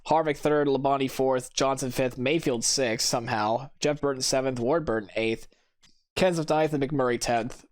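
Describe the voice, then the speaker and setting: At normal speed and in a mid-range voice, a tired gameplay commentator chats casually through a let's-play, rambling, doubting himself, and restarting many times. The loud engine noise of a racing game plays behind him.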